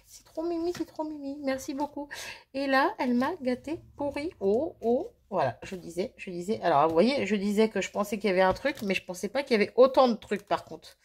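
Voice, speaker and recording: A woman's voice: on the high side, brisk, a little mellow, husky. A woman chatting to viewers as she unboxes craft mail, bubbly and self-mocking, gushing over each item. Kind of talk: casual chat to viewers. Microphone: phone.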